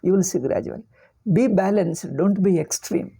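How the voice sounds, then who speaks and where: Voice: medium pitch, normal speed, vocal fry, warm tone, slightly rough. An older spiritual teacher with a South Indian accent gives an informal religious discourse, repeating words and phrases for emphasis.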